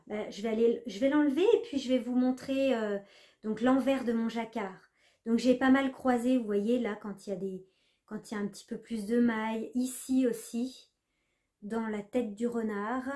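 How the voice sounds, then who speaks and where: Woman, knitting vlogger, casual chat, hesitant fillers, somewhat high voice, echoey room. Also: a little mellow. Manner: chatty, hesitant with many fillers.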